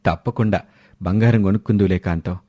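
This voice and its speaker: Greedy cartoon husband by a man, low pitched, coaxing. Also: fairly quick, mellow, no room sound, studio quality. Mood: persuasive. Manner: persuasive then harsh. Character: greedy village husband turning drunk and cruel.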